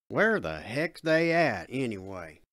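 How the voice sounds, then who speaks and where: A man reading the part of a gruff but proud middle-aged redneck father with a drawl. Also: mid-range voice, sing-song, takes it slowly, fairly bright tone, dry recording, clean studio sound. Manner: drawling dialect.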